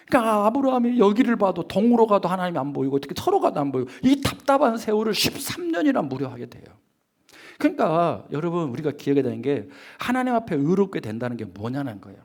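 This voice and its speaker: A male pastor preaching a sermon in a slightly high voice that leaps up and down with lively intonation. He builds to loud emphatic peaks and then drops to a hushed whisper, throwing rhetorical questions at the congregation. Now and then he acts out the voices of the people in his examples. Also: creaky. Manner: acts out quoted voices of children and believers.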